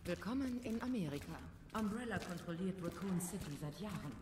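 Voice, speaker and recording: Actress for a guarded spy type, clipped and cool, echoey noisy game mix. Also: female voice, fairly low pitch, expressive, a little fast, natural voice. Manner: curt, cool, matter-of-fact. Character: cool female agent, curt and guarded. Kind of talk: dubbed video game dialogue.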